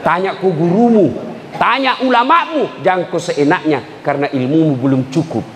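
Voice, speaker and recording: A middle-aged man giving a humorous sermon to a live audience, joking and teasing and breaking into sudden shouts. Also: a little high, moderate pace, slight background noise. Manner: lively, joking, jumps to sudden shouts, teases listeners. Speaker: preacher. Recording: echoey hall with faint crowd ambience.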